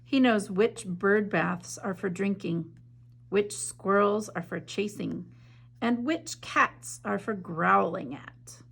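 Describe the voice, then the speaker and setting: A woman teacher reading a picture book aloud in a gentle, measured way, then chatting enthusiastically about its illustrations. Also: medium pitch, creaky, husky. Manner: gentle, measured reading with soft drops in volume; enthusiastic, chatty when discussing the art. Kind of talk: slow storybook read-aloud, then art discussion.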